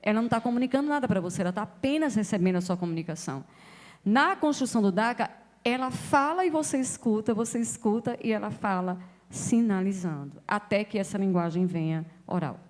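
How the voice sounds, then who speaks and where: A woman's voice: mid-range voice, a little fast, darkish tone, in a large hall. A woman speech therapist explaining patiently, giving examples to an audience. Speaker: speech therapist guest speaker. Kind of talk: explanatory talk.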